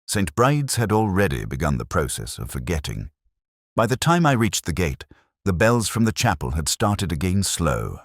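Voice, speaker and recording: A man performing a weary detective narrating a literary radio drama. The voice is extremely low and rises and falls expressively, with a solemn, reflective delivery. The recording is close and dry. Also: no room sound, full character voice. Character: weary, melancholy, cultured male English police inspector narrating his case.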